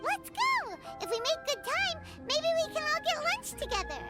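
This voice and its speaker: A woman's voice: extremely high pitch, big pitch swings, moderate pace. A woman voicing a tiny, chirpy female fairy companion in a video game, who talks about herself in the third person. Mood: eager. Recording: game cutscene with loud music score. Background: orchestral game music.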